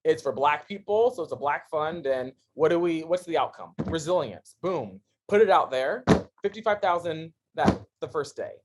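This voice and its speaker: A man in his thirties shares his story as a podcast guest, laughing frequently and shifting from excitement to quiet earnestness in a relaxed interview. His voice sits a little high at a normal speed, and the podcast microphone recording is very noisy.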